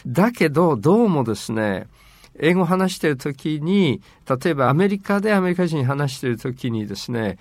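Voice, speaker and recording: A man's voice: fairly high pitch, fairly quick, no room sound. A man co-hosting a casual bilingual talk about language, chatty, with lots of fillers and playful asides. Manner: lively, lots of rhetorical fillers and playful quoted voices. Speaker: co-host explaining language.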